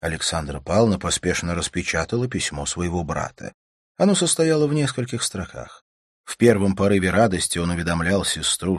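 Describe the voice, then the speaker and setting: A man narrating a classic novel as an audiobook, in an expressive storytelling manner. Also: sits low, breathy edge, no room sound, clean studio sound.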